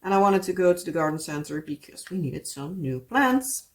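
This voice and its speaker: A fairly low-pitched woman speaks at normal speed with lively intonation. As a craft vlogger with a Dutch accent and Dutch as her native tongue, she chats casually and rambles, using "like" and "yeah" constantly.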